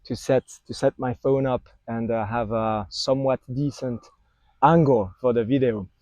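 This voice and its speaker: A French man in his twenties vlogs to camera in a city park, talking casually but hesitantly with many fillers and restarts. His mid-range voice is steady and darkish, at a normal speed. A wireless clip-on mic feeds a phone, giving a recording with no room sound and the highs cut off.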